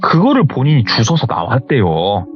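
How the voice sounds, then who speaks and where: A man who hosts a horror show, retelling a viewer's true story in a lively way and acting out the quotes. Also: mid-range voice, normal speed, highs cut off, music in the background. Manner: animated, acts out the quotes. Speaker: storyteller host.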